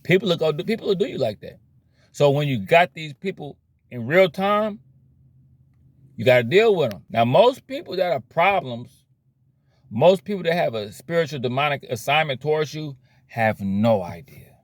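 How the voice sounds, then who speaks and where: A man's voice: on the high side, lively intonation, moderate pace, no room sound. A man giving a blunt, slangy motivational rant about cutting problem people out of your life, repeating himself as he preaches. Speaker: motivational vlogger.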